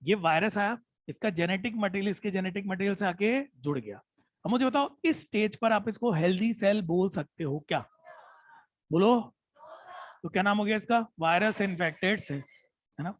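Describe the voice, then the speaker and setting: A man teaching biology in an online class, mixing Hindi with English terms, dictating notes slowly and repeating each phrase, often checking in with "hai na?". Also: high-pitched, dry recording. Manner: mixes Hindi with English terms, calls students "beta".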